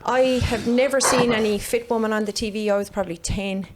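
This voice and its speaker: Casting: woman, medium-pitched, lilting west of Ireland accent with Cork flavour, blunt and chatty podcast talk. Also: steady tone, fairly quick, very noisy. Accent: west of Ireland, sing-song with a Cork lilt. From west Munster, Ireland. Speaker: podcast guest, gym trainer. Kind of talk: casual podcast chat.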